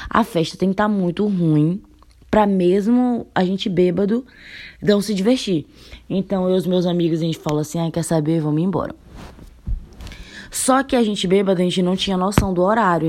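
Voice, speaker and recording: A young woman from Brazil telling a funny personal story in a casual vlog, laughing often and acting out the dialogue. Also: on the low side. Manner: animated, laughing, acts out the dialogue.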